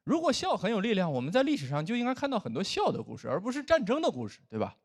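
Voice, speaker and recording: A man in his thirties hosting a stand-up comedy show, talking in a playful, animated way into a stage microphone before a live audience. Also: sits high, racing.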